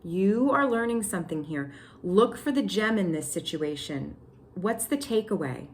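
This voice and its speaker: A young woman giving a tarot reading to her viewers, excitable and slangy, talking straight to them. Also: medium pitch, moderate pace, slight background noise. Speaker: tarot reader. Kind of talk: casual tarot reading to camera.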